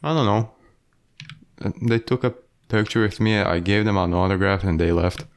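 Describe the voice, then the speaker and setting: A young Croatian-accented male with a low voice chats casually on a podcast. He is blunt and slangy, calling his friend bro. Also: moderate pace. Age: teenager or young adult. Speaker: podcast co-host. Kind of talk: casual chat.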